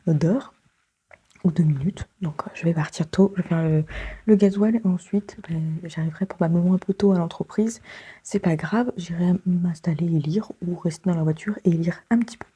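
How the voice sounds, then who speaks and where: A woman chats through her day in a relaxed vlog, her voice husky from a sore throat. She often slips into a whisper, and her tone stays mellow and soft. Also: fairly low pitch. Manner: chatty, often drops to a whisper. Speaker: vlogger. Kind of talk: casual daily vlog chat.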